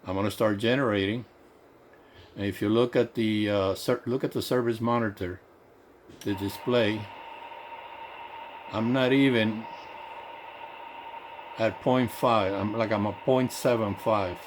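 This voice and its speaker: A man's voice: on the low side, fairly even intonation, measured pace, long pauses. A man who is not a native English speaker gives an informal, enthusiastic, explanatory hands-on technical walkthrough as a radio technician. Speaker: radio technician demonstrating repeater equipment. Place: indoor home electronics workshop. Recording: clear background noise, workshop ambience.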